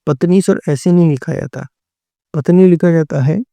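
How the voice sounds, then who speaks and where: A man's voice: a little high, moderate pace, vocal fry, dark tone, no room sound. A man teaching a Hindi exam-prep class, going through multiple-choice answers and often repeating words and answers. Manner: repeats words and answers, often says "theek hai" and "right".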